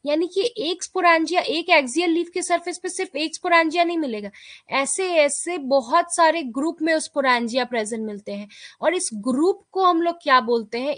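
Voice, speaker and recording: A woman's voice: high voice, fairly bright tone, no room sound. A woman biology teacher with an Indian English accent, giving an exam-prep lecture and explaining each term, then checking in with her students. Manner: explanatory, repeats key terms, checks in with students often.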